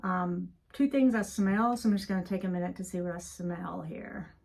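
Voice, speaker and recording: Creaky-voiced woman leading a calm grounding exercise. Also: fairly low pitch, moderate pace. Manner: conversational, unscripted, filler-heavy. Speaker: therapist teaching a mindfulness exercise. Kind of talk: calm guided grounding exercise, informal instruction. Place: office, indoors.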